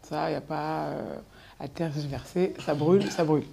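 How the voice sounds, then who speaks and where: A woman's voice: low voice, fairly even intonation, normal speed, creaky, warm tone, slightly rough. A woman interview guest answering in short, firm statements.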